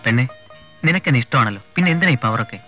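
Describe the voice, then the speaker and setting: A man's voice: mid-range voice, expressive, rapid-fire, pushed and bright, faint music behind. An actor playing a bold, persistent young man who keeps insisting a girl meet him, in dubbed film dialogue. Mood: coaxing. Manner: insistent, cocky. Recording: dull lo-fi old film soundtrack.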